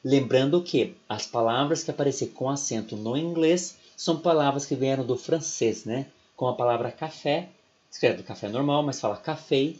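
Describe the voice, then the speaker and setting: A Brazilian English teacher with a Brazilian Portuguese accent gives an online lecture in a chatty manner, constantly tagging sentences with "né?" and "ok?". His voice is mid-range and darkish, and the recording sounds muffled.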